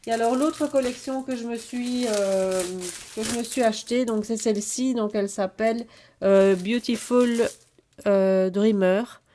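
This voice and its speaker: A woman showing off her scrapbooking purchases in a casual haul video, talking slowly and hesitantly with many fillers. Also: on the high side, mellow, slight background noise.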